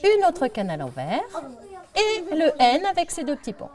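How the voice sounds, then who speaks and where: A woman teacher leading a reading lesson with young children, asking patient questions and sounding out syllables slowly. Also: high-pitched, wildly swooping pitch, crowd noise. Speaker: primary school teacher. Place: classroom. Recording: noisy classroom recording.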